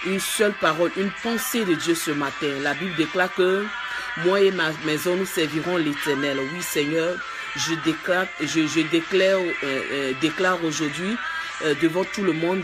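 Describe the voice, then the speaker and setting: Woman preacher, fervent, repetitive, speaking in tongues, loud worship music underneath. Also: low voice. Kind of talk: live-streamed sermon.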